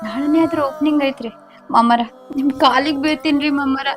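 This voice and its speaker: An actress with a North Karnataka Kannada accent, playing a young daughter-in-law who pleads and protests deferentially. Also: female voice, high voice, steady tone, fairly quick, soft background music, natural voice. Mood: pleading. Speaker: actor in a village comedy film.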